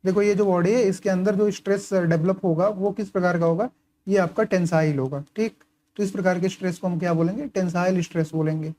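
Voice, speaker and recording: Man, engineering tutor, casual lecture, mellow dark tone, asks and answers his own questions, frequent okay and right, highlights notes as he talks. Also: steady tone, a little fast. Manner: writes and highlights while talking. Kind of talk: casual lecture explaining course material.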